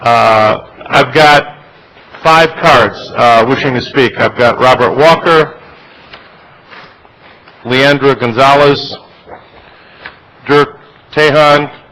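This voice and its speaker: A man's voice: medium pitch, slow pace, long pauses, bright, forceful tone, low-quality recording. An American man chairing a public meeting, speaking in informal procedural phrases. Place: government meeting room.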